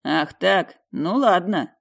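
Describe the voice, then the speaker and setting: A woman's voice: fairly low pitch, lively intonation, slow, vocal fry, exaggerated voice. A woman voicing a confident, pompous male duke who speaks with a self-assured air. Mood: smug.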